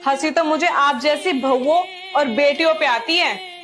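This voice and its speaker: A woman playing a sharp-tongued daughter-in-law who answers back coolly in a family comedy skit. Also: high-pitched, unhurried. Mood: mocking.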